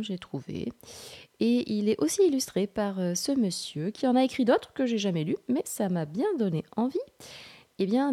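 A woman's voice: mid-range voice, mellow, slightly rough. A woman hosting a parenting show, giving earnest advice full of rhetorical questions and then reading a picture book aloud.

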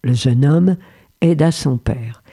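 A man narrating a fairy tale in a calm, measured storytelling manner. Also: medium pitch, husky.

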